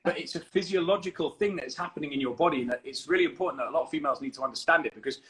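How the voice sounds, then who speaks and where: A fitness coach co-hosting a podcast explains nutrition with confident, emphatic coaching energy. His voice is a little high and a bit bright, and he talks rapid-fire. The recording quality is low.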